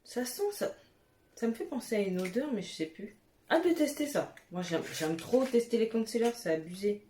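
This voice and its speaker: Speaking at a normal speed in a warm, mid-range voice with lively intonation, a woman beauty vlogger gushes through a casual haul chat, exclaiming and swearing casually. She's at home with her cat nearby, and the recording has an echoey room and faint noise.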